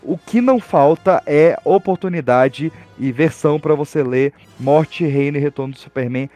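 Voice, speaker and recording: A man's voice: on the high side, moderate pace, warm tone, soft background music. A young man with a Brazilian accent, talking casually and animatedly as a podcast guest, with slangy informal phrasing. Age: young adult.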